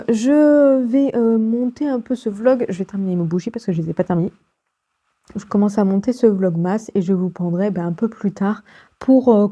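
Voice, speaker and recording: A young woman with a French accent chats at home for her vlog. Her voice is mellow and soft-edged, and she talks in an easy, rambling way full of fillers and little giggles. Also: mid-range voice. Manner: chatty, many fillers and giggles. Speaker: vlogger. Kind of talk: casual vlog chat.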